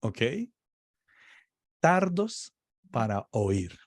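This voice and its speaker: Speaking with a fairly low, very animated voice in a clean studio recording without echo, a preacher discusses faith in conversation. His explanations are slow and patient, and he often pauses to ask "¿ok?"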